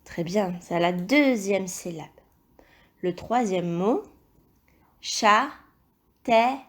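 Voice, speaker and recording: A woman teaching a recorded phonics lesson to young children, speaking slowly and carefully, repeating each word and praising the answers. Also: lowish voice, darkish tone. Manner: slow, careful, encouraging, spells out sounds and syllables. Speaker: primary school teacher.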